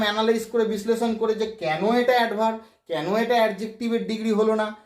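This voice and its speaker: A man with a fairly high voice gives an English grammar lesson to students on video. He explains patiently, step by step, and keeps asking whether they have followed. The sound rings around a room with a noticeable echo. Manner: explanatory, repeatedly checks understanding with rhetorical questions.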